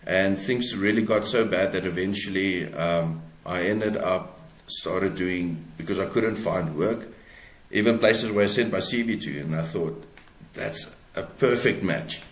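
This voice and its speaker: The recording, with its obvious room echo, features a South African man as an author and podcast guest. He speaks deeply and haltingly, giving reflective, conversational answers in an interview.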